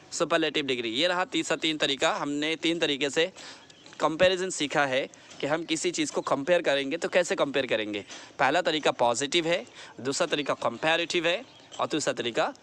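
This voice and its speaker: A man with an Indian English accent explaining a grammar lesson, repeating words slowly and checking that his students understand. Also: a little high, fairly bright tone, a little hiss or hum. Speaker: English teacher.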